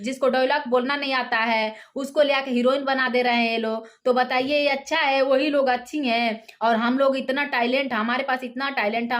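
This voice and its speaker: Indignant high-voiced woman scolding. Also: a bit bright. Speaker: singer and gossip vlogger. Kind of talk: heated celebrity gossip commentary.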